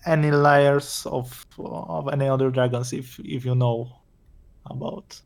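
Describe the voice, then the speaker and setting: A man's voice: medium pitch, fairly even intonation, a little slow, gravelly. A man chatting casually as a tabletop game player, hesitant and thinking aloud.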